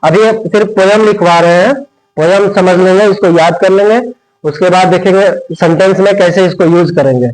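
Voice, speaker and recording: A man's voice: sits high, a little mellow, rough recording. A man with an Indian accent teaching English grammar to students. He recites a teaching rhyme line by line and dictates it word by word. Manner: slow, drawn-out dictation of lines, word by word.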